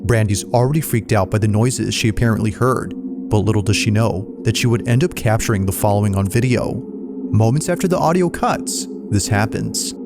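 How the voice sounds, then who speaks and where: A low, gravelly male narrator reads a scripted account in a measured, ominous way. Music plays behind his voice.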